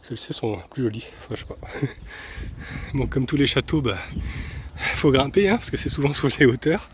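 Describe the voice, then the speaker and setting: A man from France talks through his day outdoors for a travel vlog, his mid-range voice easy and chatty. He hesitates with small fillers and soft laughs as he holds the camera. Faint birds and open-air ambience sit quietly behind him. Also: medium pitch, expressive, normal speed, slight background noise. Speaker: travel vlogger. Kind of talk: casual vlog narration. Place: outdoors, walking around a van and an old town.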